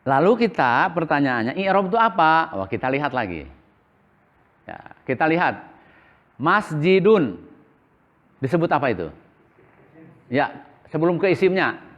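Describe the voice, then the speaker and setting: A man's voice: fairly high pitch, sing-song, moderate pace, long pauses, muffled recording. A man teaching a religious school class, asking questions and answering them himself in a repetitive call-and-response way. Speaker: Islamic boarding school teacher.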